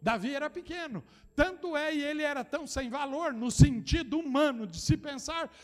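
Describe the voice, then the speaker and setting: At a moderate pace, a middle-aged male pastor from São Paulo gives an impassioned sermon in São Paulo-accented Brazilian Portuguese. He alternates between soft, intimate asides and shouted statements, repeating phrases to the people in front of him.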